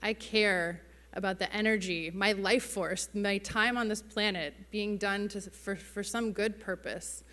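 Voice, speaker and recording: A woman giving a conference presentation as a keynote speaker, speaking slow, careful for foreign listeners. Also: medium pitch, fairly even intonation, sharp tone. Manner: careful, slowly spoken English for foreign listeners. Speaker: keynote speaker, advertising strategist. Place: large conference hall. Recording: reverberant hall, amplified stage talk.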